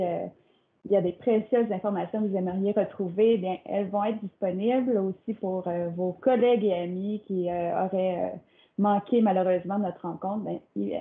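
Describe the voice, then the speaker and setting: A young woman moderates an online talk, with many filler sounds between her phrases. Her voice comes through thin and phone-like, as over a weak video call line. She speaks at a middle pitch. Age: young adult. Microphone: computer mic on a video call.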